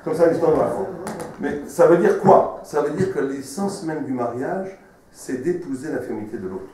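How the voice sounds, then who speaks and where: A man's voice: fairly high pitch, normal speed, warm tone, far from the mic. A man preaching as a rabbi, his voice ringing through a very echoey room from a mic placed well away from him. He tells stories expressively and often repeats words and phrases. A faint hiss sits underneath. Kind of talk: storytelling sermon.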